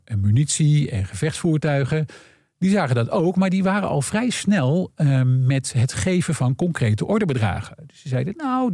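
This man's voice is on the high side and dark in tone, recorded dry with clean studio sound. Appearing as an expert guest on earnings calls, he explains things conversationally, performing snippets of imagined dialogue as he goes.

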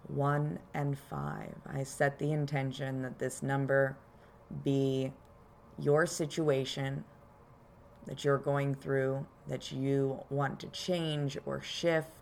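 A woman podcast host leading a calm grounding exercise, softly and gently prompting the listener with unhurried pauses. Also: rumbling low, vocal fry, slight background noise. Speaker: podcast host and card reader.

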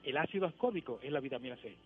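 A man's voice: mid-range voice, expressive, rapid-fire. A man calling in to a radio show, explaining things step by step and often repeating words as he searches for them. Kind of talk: casual radio phone-in chat. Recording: tinny phone line.

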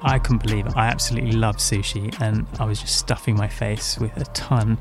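Young man raised in Hong Kong, low voice, candid self-mocking storyteller, faint music underneath. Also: fairly quick. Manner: candid, self-mocking, lively when recalling. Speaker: podcast guest storyteller. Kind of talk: casual personal storytelling.

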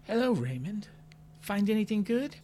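A man's voice: sits high, sing-song, normal speed, mellow, a little hiss or hum. A man voicing a sardonic woman boss who makes dry, wry remarks.

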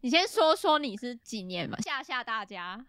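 A woman's voice: on the high side, big pitch swings, moderate pace, a bit bright. A woman with a Taiwanese accent chatting casually as a podcast co-host. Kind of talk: casual chat. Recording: clear background noise, clicks.

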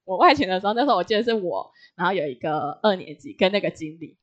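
A young woman casually telling a story about work, animated, laughing often and acting out what others said. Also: lowish voice, quick pace, highs cut off. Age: young adult.

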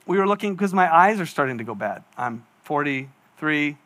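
Slightly high, bright and forceful, the voice of this pastor in his forties is expressive and set at a normal speed. He gives his sermon in a church hall in a chatty, self-mocking manner, with acted-out asides in his storytelling.

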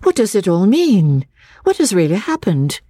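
Brisk good-humoured gentlewoman in a storybook, voiced by the narrator; forthright, lively, dry close sound. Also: medium pitch, dry recording, voice pushed up. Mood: brisk polite. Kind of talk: audiobook character voice.

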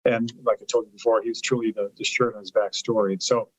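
A lawyer and author in his fifties, whose first language was Italian, guests on a storytelling interview, rambling through family stories and repeating words as he searches for his thought. His fairly low voice barely moves in pitch and he talks fast; the recording is dry and low quality.

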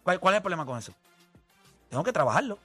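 A man with a high, bright voice hosts a sports talk chat, laying out his argument through everyday examples. He talks in a lively, persuasive way, with soft music playing behind him. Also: fast talker. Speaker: sports talk show host.

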